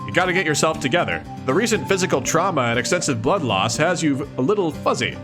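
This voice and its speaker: Let's-play host reading visual novel narration; playful, animated delivery, faint background game music. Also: male voice, on the high side, fast talker. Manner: playful, reads narration then jokes to chat and cat. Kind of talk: reading a visual novel aloud with chat asides.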